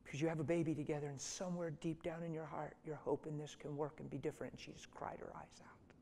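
A man with a high voice preaches a conference sermon, telling his story with lively swings from hushed murmurs to loud, urgent peaks. His voice rings out with a long reverb from the hall around him. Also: fast talker, creaky. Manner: animated storyteller, swings from hushed to near-shouting.

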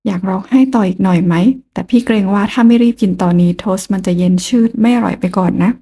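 A woman voicing a gentle, teasing young man who dotes on a girl like an older brother, in an audio novel. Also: mid-range voice, fairly even intonation, fast talker, vocal fry, slightly rough. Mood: tender. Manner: soft, tender, polite male speech with a playful edge.

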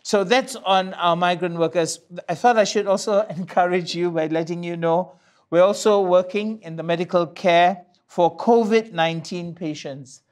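An older bishop, preaching a sermon at a lectern in a slow, deliberate way, with pauses and fillers. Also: male voice, high voice. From Singapore. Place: studio stage with curtains, standing at a lectern.

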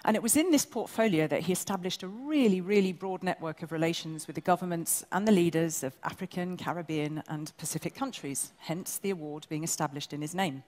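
Stage presenter, female, English-raised, brisk and teasing, lowish voice, big reverberant hall. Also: a little mellow. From England. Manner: brisk, bossy and jokey with the audience. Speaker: awards ceremony presenter. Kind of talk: live stage hosting. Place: large event hall.

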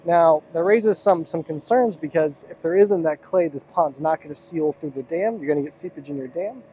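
Recorded roughly on a handheld phone held at arm's length, a young pond builder from Oklahoma earnestly explains the pond renovation he's working on, repeating words now and then as he thinks. His fairly high, warm voice moves at a moderate pace over clear noise from nearby heavy machinery.

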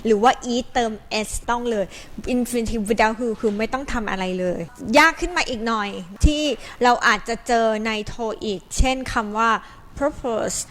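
A woman's voice: on the high side, measured pace, a bit bright. A woman from Thailand explaining English grammar in a patient, step-by-step way, calling herself an older sister to her students. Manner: patient and explanatory, sings a tune as a memory aid. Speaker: English tutor. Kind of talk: Thai grammar lesson.

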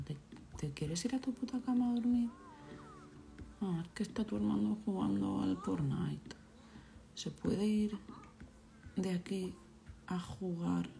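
A woman's voice: on the low side, creaky, mellow, slight background noise. A woman from Valencia with a Valencian accent, chatting casually on a live stream and scolding the characters in her game. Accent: Valencian Spanish. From Valencia, Spain.

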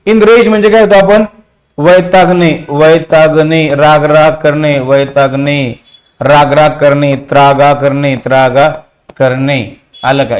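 Man, Marathi accent, teacher, high voice, drills and quizzes the class. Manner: repetitive, drilling meanings and asking the class. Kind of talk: exam-prep vocabulary lecture.

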